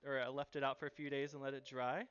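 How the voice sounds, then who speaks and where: A man's voice: medium pitch, little pitch movement, quick pace, a bit bright, clean tone, dull audio. A man running a live cooking stream, chatting and cheerfully thanking viewers as he cooks.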